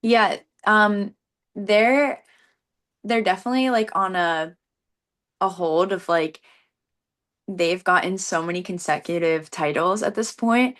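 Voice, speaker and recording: A woman's voice: medium pitch, takes it slowly, long pauses, fairly bright tone. A young woman runner talking earnestly in a casual interview, peppering her sentences with "like". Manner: earnest, frequent "like" as filler. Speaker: competitive runner being interviewed.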